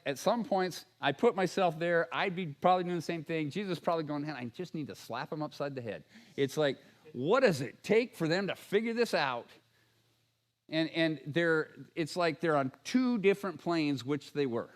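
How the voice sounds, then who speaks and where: Male pastor, high voice, animated sermon delivery with rhetorical questions.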